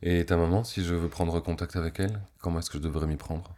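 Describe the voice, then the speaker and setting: Fast-talking man reporting outdoors. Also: low-pitched, steady tone, warm tone. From Belgium. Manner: polite and insistent. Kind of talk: documentary field reporting.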